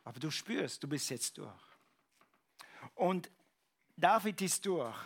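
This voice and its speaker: A man's voice: fairly high pitch, sing-song, takes it slowly, breathy edge. Emphatic middle-aged male pastor, raised voice. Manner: emphatic, repeats phrases, swings from loud to hushed. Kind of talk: sermon.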